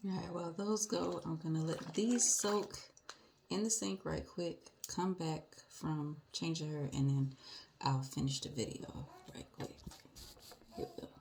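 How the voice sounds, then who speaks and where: Lower-voiced woman vlogging a baby story. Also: a little slow, gravelly, a little hiss or hum. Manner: animated, incredulous, laughing retelling. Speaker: vlogger, new parent. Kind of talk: casual vlog storytelling. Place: home, bathroom sink and nursery.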